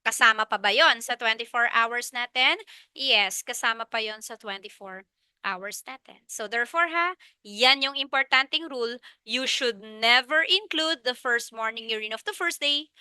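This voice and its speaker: High, bright Filipino woman lecturing. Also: normal speed, smooth, dry recording. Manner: asks questions and answers them herself, repeats key points. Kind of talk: review lecture mixing Tagalog and English.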